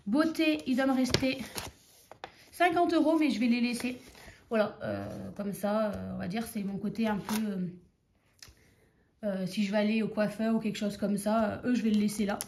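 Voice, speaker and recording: A budgeting vlogger in her thirties chats casually to camera, rambling and counting her cash aloud while fighting a cold and a stuffy nose. Her medium-pitched voice is darkish and fairly even, at a moderate pace, with slight background noise.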